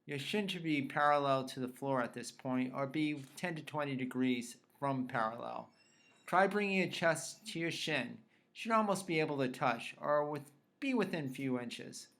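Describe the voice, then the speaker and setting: A man's voice: mid-range voice, expressive, moderate pace, vocal fry, fairly bright tone. A man speaking as a fitness trainer, explaining in a plain instructional way and giving directions step by step. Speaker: fitness trainer presenting a tutorial. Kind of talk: instructional explanation of self-tests.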